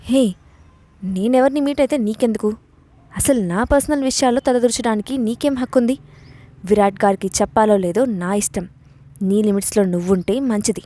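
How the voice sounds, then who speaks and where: A woman's voice: medium pitch, a little fast, mellow, lightly acted. A woman reading the part of a hot-tempered young woman who snaps back indignantly. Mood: defiant. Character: feisty young bride, defiant and hot-tempered.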